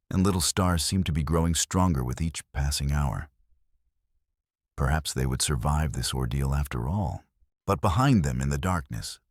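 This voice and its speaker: A man narrating a scripted western story in a slow, dramatic storytelling manner. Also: low-pitched, no room sound, studio quality.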